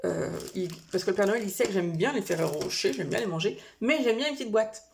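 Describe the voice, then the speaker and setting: Quick-paced and expressive, this woman has a medium-pitched, creaky, slightly mellow voice, with a little background noise. She casually shows a shopping haul to camera, speaking hesitantly with lots of fillers and small self-corrections.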